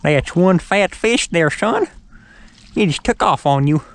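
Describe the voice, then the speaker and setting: A man's voice: a little high, normal speed, clean tone, no echo. A man with a Southern accent hosting a fishing show, chatting in a folksy, joking way from a boat on a lake. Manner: folksy, joking, calls his buddy "son". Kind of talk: casual chat while fishing.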